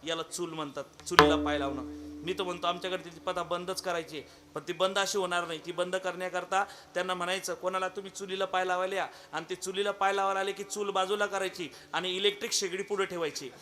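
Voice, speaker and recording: A man's voice: high-pitched, quick pace. A man preaching a devotional kirtan sermon, telling a comic story and calling on listeners by name. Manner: humorous, animated, addresses listeners by name.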